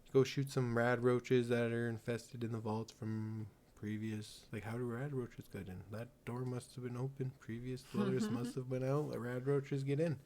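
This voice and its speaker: A man's voice: mid-range voice, little pitch movement, normal speed, hardly any pauses, a little mellow. Rambling man chatting about a game. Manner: rambling, laughs often, trails off. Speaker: podcast host. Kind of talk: casual chat about a video game.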